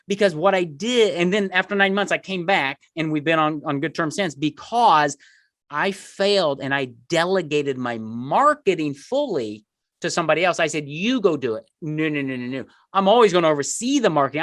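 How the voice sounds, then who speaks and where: A man's voice: fairly high pitch, a bit bright, no room sound, clean studio sound. A middle-aged man speaking as an interview guest, telling stories in an emphatic, self-deprecating way and repeating words for emphasis. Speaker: podcast guest, marketing entrepreneur. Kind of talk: conversational interview storytelling.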